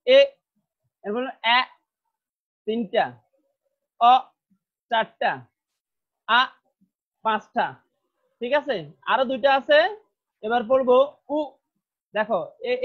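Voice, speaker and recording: A Bangladeshi-accented man leads a classroom pronunciation lesson, saying each word over and over and drilling the sounds. The recording is a little dull and muffled. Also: extremely high pitch. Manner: slow, repeats words many times, drills sounds. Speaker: English teacher.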